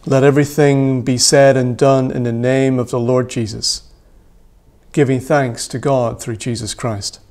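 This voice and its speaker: A man in his thirties leading worship as a priest, reading prayers in a measured, solemn way in a small church room. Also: mid-range voice, little pitch movement, a little mellow. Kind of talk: liturgical reading.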